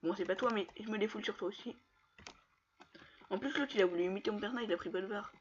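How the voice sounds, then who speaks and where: A man commenting casually on his own online matches, taunting opponents and breaking into excited yells. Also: high-pitched, fast talker, lo-fi sound, slight background noise. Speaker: gamer streaming gameplay.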